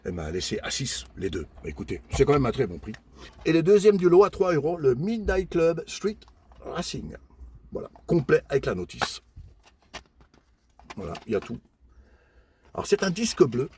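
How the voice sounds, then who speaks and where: An older man in a casual show-and-tell vlog, calmly listing his flea-market finds one by one with many pauses and fillers, and chatting warmly with his viewers. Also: on the high side, slight background noise. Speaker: flea-market collector vlogger.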